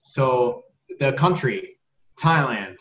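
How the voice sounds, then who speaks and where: A man's voice: medium pitch, animated, slow, fairly bright tone, reverberant, muffled recording, slight background noise. A man from the United States with an American accent, chatting casually and repeating words as he explains. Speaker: English teacher as podcast co-host. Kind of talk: casual chat.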